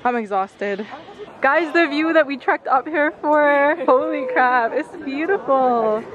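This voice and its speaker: A woman's voice: sits high, takes it slowly, fairly bright tone, dull audio. A young woman making playful comments to viewers of a travel vlog. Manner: playful, breathless asides. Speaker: vlogger. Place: outdoors in a busy city. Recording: noisy street with crowds.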